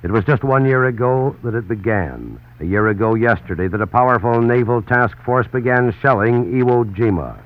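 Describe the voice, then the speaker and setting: A man's voice: medium pitch, expressive, moderate pace, hardly any pauses. A man narrating as a radio correspondent in emphatic 1940s newsreel style. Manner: dramatic, emphatic announcer delivery. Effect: old newsreel broadcast sound. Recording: tinny old radio broadcast with faint hiss.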